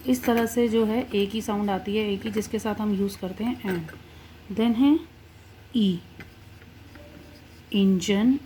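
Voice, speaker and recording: Patient woman teaching grammar slowly. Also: medium pitch, darkish tone, slight background noise. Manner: slow, drawn-out example words with stress on sounds. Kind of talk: classroom-style grammar lesson.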